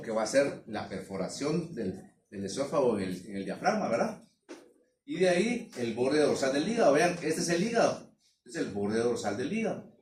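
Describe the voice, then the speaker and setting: A man teaching a veterinary anatomy class, pausing often to check that students follow. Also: mid-range voice. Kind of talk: classroom lecture. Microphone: distant room mic. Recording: echoey room from far off, some noise.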